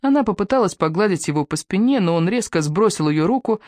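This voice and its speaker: A woman narrating an audiobook in an even, measured storytelling manner. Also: medium pitch, no echo. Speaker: audiobook reader. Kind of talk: scripted narration.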